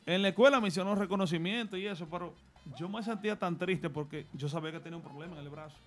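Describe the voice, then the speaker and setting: Earnest high-voiced Dominican man. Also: fast talker, faint music behind. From Dominican Republic. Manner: earnest, reflective, gives life advice. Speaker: studio guest. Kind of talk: personal storytelling in a radio interview.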